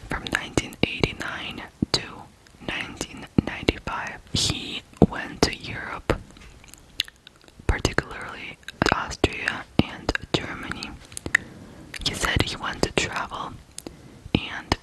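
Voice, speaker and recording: True crime is narrated here by an ASMR host from Ukraine whose quiet, measured delivery pauses after each short phrase. It's a rough-sounding recording.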